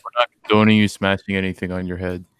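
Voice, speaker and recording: A man's voice: low-pitched, quick pace, clean tone. A man joking and heckling from off camera during a live stream. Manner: teasing, crude, excitable. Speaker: off-camera guest. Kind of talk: casual chat.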